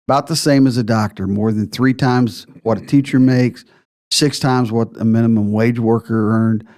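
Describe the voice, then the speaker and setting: Man, podcast host, middle pitch, emphatic, step-by-step explainer. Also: steady tone, moderate pace, darkish tone. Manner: emphatic, lays out figures step by step. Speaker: retirement planner host.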